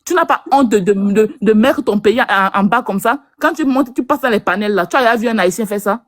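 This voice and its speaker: A woman's voice: a little high, a little fast, no echo. Woman scolding, dry and close. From Cameroon. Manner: scolding, mocking, with stammered repeats. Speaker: live stream panelist. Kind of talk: heated live stream rebuttal.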